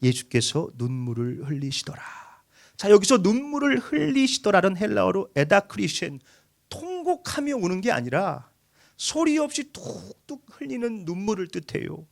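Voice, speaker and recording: A male pastor preaching a sermon, moving from calm explanation to impassioned pleading when he voices the grieving. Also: moderate pace, gravelly. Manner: emotive preaching, voicing the grieving with raised pitch.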